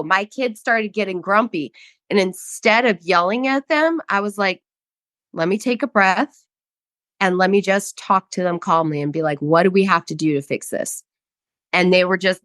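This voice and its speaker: A woman hosting a podcast, telling a personal story in a candid, animated way and swearing casually. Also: medium pitch, dry recording. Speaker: podcast host.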